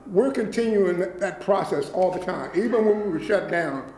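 A man's voice: high voice, lively intonation, normal speed, a little mellow, slight background noise. A man leading a nonprofit, speaking earnestly and gratefully at a public meeting, often checking in with his listeners. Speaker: nonprofit leader addressing county officials. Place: meeting room. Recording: echoey meeting room.

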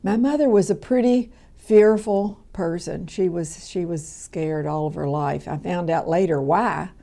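A woman in her 70s from Kentucky, USA, speaks in a lowish, warm, creaky voice at a measured pace. She's giving a conversational Bible teaching on the radio that rambles, full of fillers and restarts.

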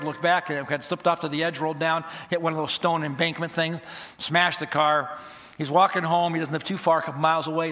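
A man who is a pastor, preaching a sermon with emphatic stresses and quiet asides. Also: a little high.

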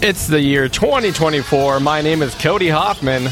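A man's voice: fairly high pitch, moderate pace, music in the background. A man co-hosting a retro gaming podcast, chatting casually, joking and laughing often. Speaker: podcast co-host. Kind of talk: casual chat.

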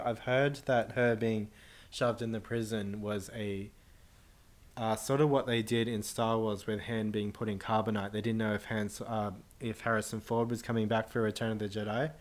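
Low-voiced man, matter-of-fact guest. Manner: knowledgeable, detailed, matter-of-fact. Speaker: podcast guest. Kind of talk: casual chat.

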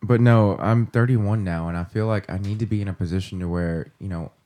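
A man's voice: low-pitched, brisk, mellow. A man in his early thirties co-hosting a podcast, talking openly and reflectively with some self-deprecation. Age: 30s. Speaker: podcast co-host. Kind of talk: casual chat.

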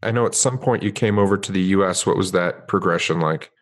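A man hosting a podcast, narrating a scripted introduction and then interviewing a guest. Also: deep voice. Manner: measured storytelling narration. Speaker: podcast host.

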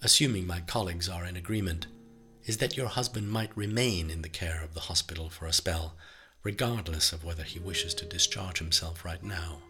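A prim Swedish doctor, a middle-aged man who soothes with formal, carefully chosen words, as a male storyteller puts him on. The voice sits fairly low and bright, with a Swedish accent and a polished clinical courtesy in every sentence. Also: soft background music. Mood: smoothly reassuring. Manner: polite, formal, carefully measured phrasing.

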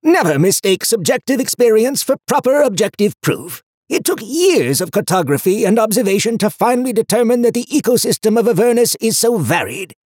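A man's voice: high voice, sing-song, brisk, few pauses, a little mellow, no room sound, clean studio sound, voice pushed up. A man voicing a fussy, pedantic talking book that lectures nonstop. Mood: lecturing. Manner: lecturing, know-it-all. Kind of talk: audiobook character voice.

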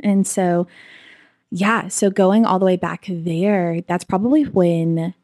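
A woman's voice: fairly low pitch, takes it slowly, a little mellow, no room sound. A woman guest in an interview, candidly and reflectively recounting a personal story, with frequent fillers.

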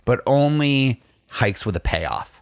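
A man's voice: medium pitch, sing-song, slow pace, no room sound, studio quality. A man co-hosting a podcast, chatting casually in a laid-back, wry way. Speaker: podcast co-host. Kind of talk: casual chat.

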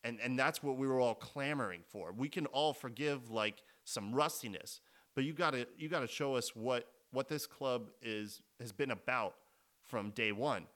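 A man co-hosting a podcast talks sports casually and animatedly in a medium-pitched, slightly bright voice at normal speed. He swears freely and often restarts his sentences.

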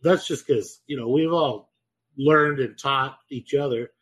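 A man hosting a podcast, chatting casually in a rambling, profane, animated way. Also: medium pitch, unhurried, breathy edge. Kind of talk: casual chat.

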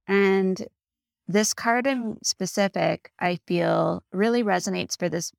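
A woman's voice: medium pitch, takes it slowly, gravelly, dry recording. A woman giving a reflective tarot reading in a casual, rambling monologue, earnest and heartfelt, often checking in with "right?". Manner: heartfelt, close to tears at times. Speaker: tarot reader.

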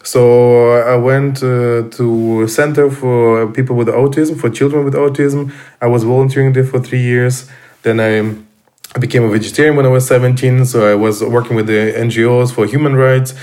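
Halting man. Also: mid-range voice, steady tone, darkish tone. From Armenian, raised in Russia. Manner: halting, many fillers and restarts. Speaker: guest. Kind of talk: casual conversation.

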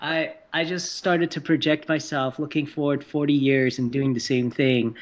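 A man's voice: fairly high pitch, level tone, normal speed. A man from Hong Kong, a game developer being interviewed, friendly and eager with frequent restarts. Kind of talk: casual podcast interview.

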